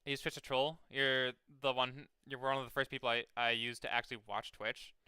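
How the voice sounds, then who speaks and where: Young male streamer, clear bright tone, dry close mic; loose rambling chatter full of "like"s, casual cursing. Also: mid-range voice, little pitch movement, fairly quick, no room sound. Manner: rambling, lots of fillers and restarts, swears freely. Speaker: game streamer. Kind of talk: casual live-stream chat and reading game text aloud.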